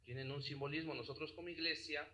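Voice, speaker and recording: Man preacher with a bright, cutting voice and a slightly high pitch, questions the flock often. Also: fairly even intonation, quick pace, rough recording. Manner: asks the congregation rhetorical questions. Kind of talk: sermon.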